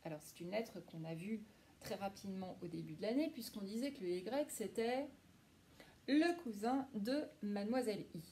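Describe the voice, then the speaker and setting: A woman teaching a class lesson to young children, speaking slowly and clearly and praising pupils by name. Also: mid-range voice, warm tone, slight background noise. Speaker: primary school teacher.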